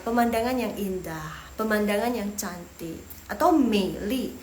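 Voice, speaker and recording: Indonesian woman, casual online language teacher, chatty, drills pronunciation; roomy echo, faint noise. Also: fairly high pitch. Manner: chatty, repeats words slowly for pronunciation. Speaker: Mandarin teacher.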